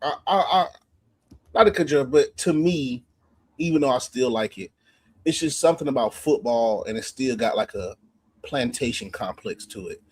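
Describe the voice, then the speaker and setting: A man's voice: medium pitch, lively intonation, normal speed, darkish tone, slightly rough. A man co-hosting a casual sports podcast, bantering about football with jokes and laughter. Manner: joking, laughing, profane banter. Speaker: podcast co-host, former juco football player.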